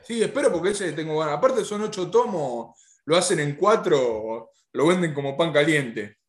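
A man with a Rioplatense Spanish accent in a casual manga chat, halting and restarting, laughing easily. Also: on the high side, lively intonation, echoey room. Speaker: podcast co-host.

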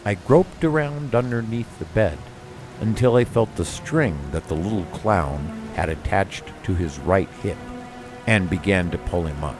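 Low voiced guy telling a creepy story, steady and suspenseful, music and rain under him. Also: measured pace. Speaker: narrator. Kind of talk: storytelling narration.

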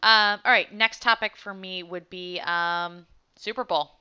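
A woman's voice: lowish voice, fairly even intonation, a little slow, sharp tone, clean tone. A woman in her thirties co-hosting a casual podcast, chatty and laughing often. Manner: chatty, laughing, acts out quoted voices. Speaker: podcast co-host. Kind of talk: casual chat. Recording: dull lo-fi borrowed equipment.

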